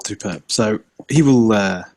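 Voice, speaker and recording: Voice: medium pitch, a little slow, a little mellow. A player at a tabletop role-playing game, making dry, sarcastic remarks about the dice.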